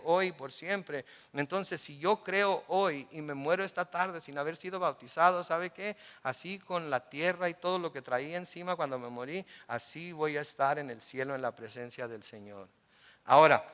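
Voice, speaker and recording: A man preaches a sermon at a church service, his voice a little high and very bright. He asks his listeners questions and answers them with homely examples. A long reverb from the large room trails behind his words. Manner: explains by asking the congregation and answering with everyday examples. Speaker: pastor.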